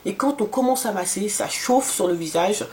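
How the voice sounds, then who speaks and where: A woman's voice: medium pitch, expressive, moderate pace, darkish tone. A woman in her forties casually reviewing a skincare serum for her vlog, talking with many fillers and restarts. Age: 40s. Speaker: beauty vlogger.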